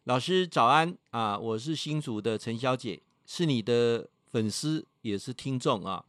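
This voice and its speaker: Taiwanese-accented male professor hosting a livestream Q&A, reads viewer letters with big swings in pitch, dry close mic. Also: unhurried, no echo. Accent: Taiwanese Mandarin. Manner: animated storytelling, acting out the voices in the letter. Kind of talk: reading a viewer's message aloud on a livestream.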